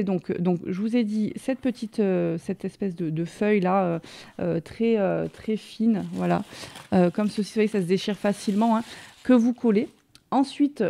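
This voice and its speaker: A woman hosts a relaxed craft tutorial, chatting through each step as she works. Her voice is mellow and warm with a slight gravelly fry. Her explanations are easygoing and practical. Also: medium pitch. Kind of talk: casual hands-on craft tutorial.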